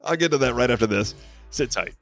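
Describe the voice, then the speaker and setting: A man's voice: mid-range voice, lively intonation, fast. A man hosting a podcast, giving a chatty, upbeat intro with playful self-deprecating asides. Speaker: podcast host. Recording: music bed underneath.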